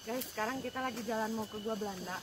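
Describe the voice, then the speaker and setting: A woman vlogging casually as she walks through an old cave with friends, chatting to her viewers, her voice ringing in a strong cave echo. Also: quick pace. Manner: chatty, keeps addressing viewers as guys. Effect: strong echo inside a stone cave. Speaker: vlogger exploring old caves. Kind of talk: casual vlog chat to viewers. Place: inside a stone cave tunnel. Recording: booming cave echo, distant mic, background noise.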